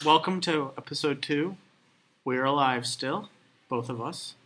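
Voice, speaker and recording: A man's voice: mid-range voice, a little slow, fairly bright tone. A man co-hosting a casual podcast outdoors, chatting with his partner and telling her what to do, recorded on a laptop's built-in microphone. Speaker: podcast co-host. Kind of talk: casual chat. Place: outdoors in a public spot with people nearby.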